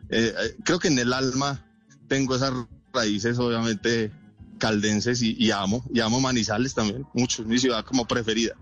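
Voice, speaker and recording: A man's voice: medium pitch, steady tone, a bit bright, dull audio, faint music behind. A man from Colombia with a Colombian Spanish accent, a comedian guest chatting casually and cracking jokes. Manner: joking, laughs often, quick punchlines. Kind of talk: casual interview chat with jokes.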